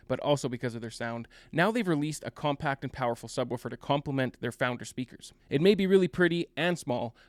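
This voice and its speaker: A man's voice: medium pitch, no room sound. A young adult man, hosting his own tech review channel in scripted, enthusiastic narration. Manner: enthusiastic, gushing presenter.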